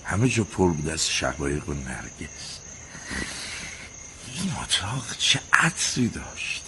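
A man's voice: a little high, very animated, a little hiss or hum, heavily acted. An actor playing an aging restless father, bitter and nostalgic, who rants and then drops into a wistful murmur. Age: older. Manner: ranting, swings from shouting to wistful murmur. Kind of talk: radio drama acting.

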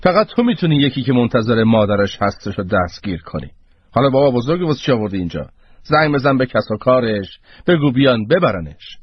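A man's voice: medium pitch, big pitch swings, a little hiss or hum, lightly acted. Man doing a barking police sergeant. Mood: exasperated. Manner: barking, exasperated. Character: gruff shouting police sergeant. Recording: dull radio broadcast.

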